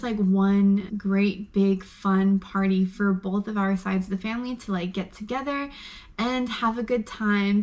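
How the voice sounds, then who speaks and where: A young woman from Arizona, a vlogger chatting casually and gushing, with lots of "like" fillers. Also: medium pitch. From Arizona, USA. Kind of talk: casual chat.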